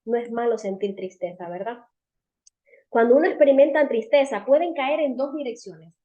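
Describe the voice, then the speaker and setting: A woman's voice: fairly high pitch, normal speed, highs cut off. Earnest woman teaching a faith seminar. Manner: earnest, asks the audience rhetorical questions; addresses listeners directly as friends and sisters. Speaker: women's seminar speaker.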